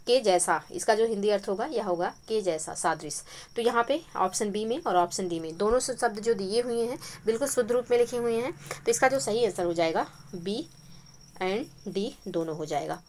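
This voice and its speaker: A woman teaching a spoken quiz lesson for an exam, explaining each answer in a steady, repetitive way, recorded at home at night. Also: medium pitch, slight background noise. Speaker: Hindi exam-prep teacher. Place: home at night, street noise outside.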